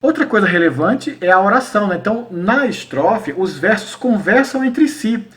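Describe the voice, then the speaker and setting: Heard from a distant microphone, his voice sits high, animated and fairly bright. This Paraíba-born cordel poet, speaking with a Northeastern Brazilian accent, gives teachers an informal poetry lesson, reading verses slowly and frequently asking "né?" or "tá?" to make sure they're with him.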